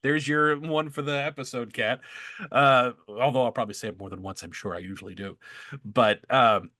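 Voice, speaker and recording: A man's voice: medium pitch, normal speed, sharp tone, no echo, clean studio sound. Jokey man on a cartoon podcast. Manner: jokey, stumbles over names. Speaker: podcast co-host. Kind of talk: casual chat. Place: studio.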